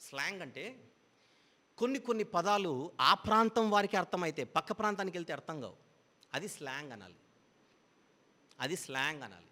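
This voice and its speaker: A man's voice: on the high side, animated, moderate pace, long pauses, sharp tone, big-room sound. A man preaching a Bible teaching sermon, explaining patiently with repeated parallel phrases.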